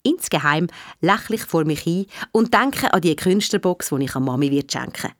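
A woman with a Swiss accent, reading a children's story in the first person with a lively, childlike manner. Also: low-pitched, moderate pace. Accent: Swiss German. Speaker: audiobook reader.

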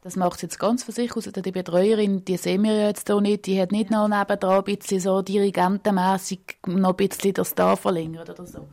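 A woman with a Swiss German accent, a radio reporter reading scripted narration and asking interview questions in a measured way. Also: mid-range voice, level tone, darkish tone, no room sound.

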